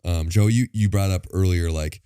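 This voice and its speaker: A man co-hosting a podcast in casual chat, rambling with plenty of filler words and toying with fast and slow delivery. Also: sits low, dark tone, clear, resonant tone, no echo, clean studio sound. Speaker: podcast co-host.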